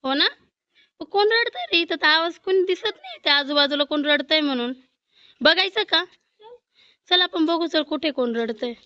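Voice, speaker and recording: A woman's voice: sits high, expressive, normal speed, pauses often, no echo, lo-fi sound. A woman acting as the older sister-in-law in a family skit, coaxing and questioning, then urging the children to run.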